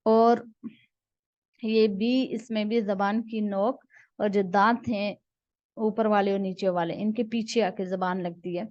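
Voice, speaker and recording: Slow, patient woman teaching letter sounds. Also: mid-range voice, steady tone, no room sound. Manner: patient, repeats each letter sound slowly several times. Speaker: Quran reading teacher. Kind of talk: step-by-step pronunciation lesson. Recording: dull, dry close recording.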